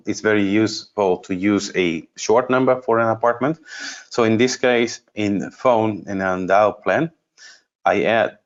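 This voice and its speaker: In a product course, a male trainer gives an unscripted software demo, walking through each step while thinking aloud haltingly. His voice is fairly low, and the audio is lo-fi.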